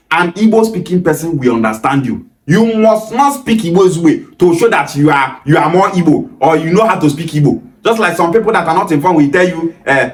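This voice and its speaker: Speaking straight to the camera from a small indoor room with a plain wall behind him, a young Nigerian man hosts his video with a Nigerian accent. His voice is high-pitched and the sound is roomy. He delivers his points with passion and emphasis, gesturing freely and rising sharply whenever he pushes back.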